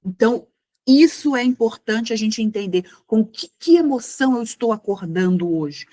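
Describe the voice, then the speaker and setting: A woman's voice: a little high, expressive, moderate pace, warm tone, no echo. A middle-aged Brazilian woman giving an earnest motivational talk to a women's community, acting out little scenes in quoted voices. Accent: Brazilian Portuguese. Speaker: mentor speaking to a women's community.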